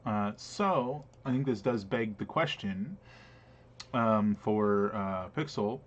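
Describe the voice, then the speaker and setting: A man running a tabletop game, narrating casually with many fillers and pauses. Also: lowish voice, expressive. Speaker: game master. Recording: dull lo-fi stream audio.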